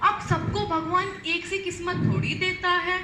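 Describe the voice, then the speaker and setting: A woman playing a haughty, scornful shopkeeper's wife on stage, sharp-tongued and complaining. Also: extremely high pitch, steady tone, normal speed, a little hiss or hum. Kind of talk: stage play acting. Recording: echoey stage hall recording.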